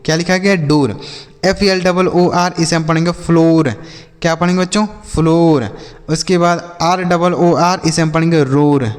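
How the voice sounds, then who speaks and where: Male teacher, phonics drills, slightly high voice, reverberant room. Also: fairly even intonation, moderate pace, smooth. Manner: repeats each word, asks and answers his own questions. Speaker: English reading teacher. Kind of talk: classroom-style phonics lesson.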